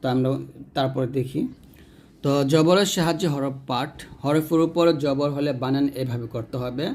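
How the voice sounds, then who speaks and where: A man's voice: mid-range voice, normal speed, darkish tone. A man teaching Quran reading step by step. He spells out each letter and vowel mark, then asks viewers to read along after him. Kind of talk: slow step-by-step recitation lesson.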